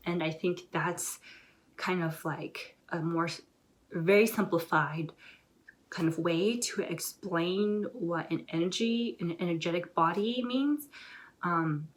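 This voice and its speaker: A young woman vlogger talking casually and excitedly to camera, rambling with lots of filler words as she gives motivational advice. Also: lowish voice, takes it slowly.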